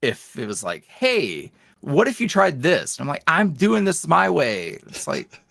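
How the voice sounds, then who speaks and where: Here the young man's pitch swoops wildly from a slightly high baseline, his pace a little slow, with vocal fry and a fairly bright tone. As a roleplay creator on a podcast, he chats casually, rambling and reflecting on himself with lots of fillers and restarts. The studio sound is clean and echo-free.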